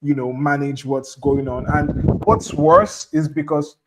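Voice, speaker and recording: A man's voice: on the high side, measured pace, background noise. A man in a casual football chat, emphatic and full of fillers, repeating himself. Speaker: football podcast panelist.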